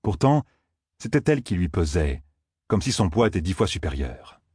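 Give me a low-voiced man narrating a fantasy audiobook, dry and close. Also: normal speed, breathy edge, no echo. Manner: expressive, voices each character.

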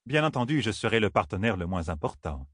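A guy doing a sly sorcerer type from a fantasy book, calm and calculating, kinda husky. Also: lowish voice, fairly quick, dry recording, studio quality.

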